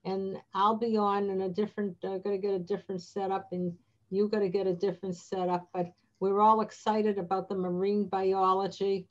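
A woman's voice: medium pitch, little pitch movement, normal speed, muffled recording. An older woman hosting a talk show, chatting in a rambling, easygoing way over a video call. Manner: chatty, rambling, laughs easily. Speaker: host, attorney. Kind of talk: casual talk-show chat.

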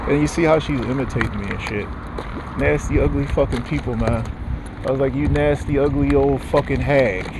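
A man's voice: medium pitch, moderate pace, noisy background. A man ranting angrily and cursing as he walks outdoors, recording on his phone. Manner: angry, cursing, repetitive ranting. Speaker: vlogger. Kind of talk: profane walking rant to phone camera. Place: outdoors in a parking lot. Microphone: phone held while walking.

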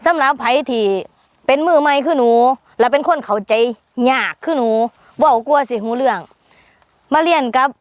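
A woman's voice: sits high, no echo. A young woman with an Isan accent, chatting playfully as a vlogger interviewing a farmer. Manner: playful, chatty, frequent polite particles. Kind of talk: casual chat.

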